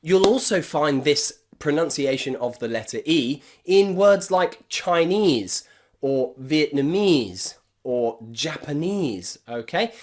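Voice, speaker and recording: A man teaching an English pronunciation lesson to camera, repeating sounds slowly and clearly and checking in with his viewers. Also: a little high, lively intonation.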